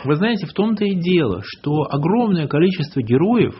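A man's voice: fairly high pitch, very animated, fairly quick, loud music behind the voice. Earnest male historian on lo-fi radio. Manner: earnest, explanatory, builds long sentences. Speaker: historian guest. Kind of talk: conversational radio interview. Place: radio studio. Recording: dull lo-fi radio, faint hiss.

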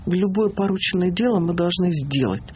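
A woman from the Kemerovo region talks as an interview guest, unhurried and sure of herself as she tells her story. The audio sounds a little dull, with a faint hiss running underneath. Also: lowish voice. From Kemerovo region, Russia.

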